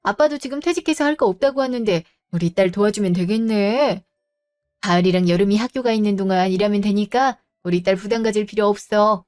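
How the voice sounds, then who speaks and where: A woman's voice: medium pitch, brisk, darkish tone, clear, resonant tone, lightly acted. A woman voicing a fond older mother who fusses tenderly over her grown daughter, in a storybook drama. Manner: fussing, tender.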